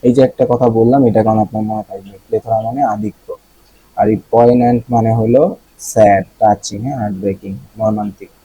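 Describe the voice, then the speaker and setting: A man's voice: fairly low pitch, fairly even intonation, fast talker, warm tone, muffled recording, a little hiss or hum. A young man with a Bangladeshi accent teaching vocabulary in a casual way, repeating each word and asking the listener questions. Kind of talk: explaining vocabulary.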